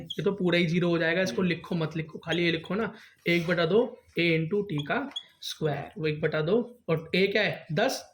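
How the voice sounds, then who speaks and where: A man's voice: sits high, slight background noise. A man teaching a science lesson to a class, asking students questions and answering them himself. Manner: quizzes students, calls them "beta", answers his own questions.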